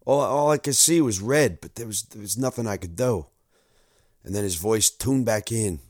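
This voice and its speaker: A man's voice: on the low side, dry recording, clean studio sound, lightly acted. A man as a haunted young soldier. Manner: earnest, halting with stammered repeats. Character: young male soldier recalling war, haunted. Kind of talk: first-person dramatic story narration.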